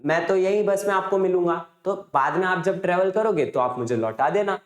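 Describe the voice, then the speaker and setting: A teacher voicing a kind, calm male bus conductor who reassures a worried passenger, in a roomy-sounding recording. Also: mid-range voice, a little fast, lightly acted. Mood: reassuring. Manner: reassuring, easygoing. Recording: roomy echo.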